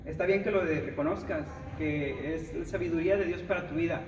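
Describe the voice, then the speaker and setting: High-voiced preacher with a Mexican accent in an echoey hall. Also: male voice, fairly quick. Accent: Mexican Spanish. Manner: emphatic, speaks straight to the listener, acts out others' words. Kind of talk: sermon. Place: church hall. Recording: echoey hall, distant, dull, noisy.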